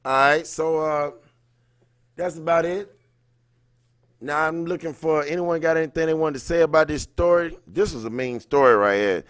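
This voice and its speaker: His voice is on the high side, fairly bright and clean, at a moderate pace in a dry recording. Hosting a livestream, he stays informal and slangy, shifting from reading aloud to casual chat and greeting viewers by name partway through his thoughts.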